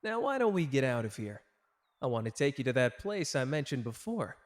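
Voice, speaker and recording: A man voices a young sorcerer for an intimate ASMR romance roleplay, sounding cocky but tender with a casual, playful, teasing manner. His natural, medium-pitched voice is sing-song and fairly quick, in a dry studio-quality recording.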